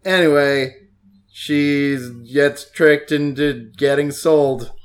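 A man's voice: fairly high pitch, flat delivery, slow pace. A man co-hosting an anime podcast in a laid-back, rambling, playful casual chat. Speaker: podcast co-host.

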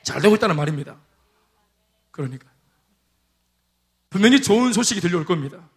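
A male pastor preaches in a church, his voice pitched high for a man. He keeps drawing amens and hallelujahs from the congregation. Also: animated, brisk. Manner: call-and-response preaching, repeated amens and hallelujahs. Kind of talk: sermon. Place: church sanctuary.

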